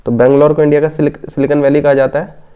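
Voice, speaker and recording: A man's voice: fairly high pitch, level tone, smooth, dull audio. A man going through exam questions in a Hindi-lesson, explaining each answer and checking in often. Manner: explanatory, frequent "theek hai" check-ins, reads questions slowly. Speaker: exam prep teacher.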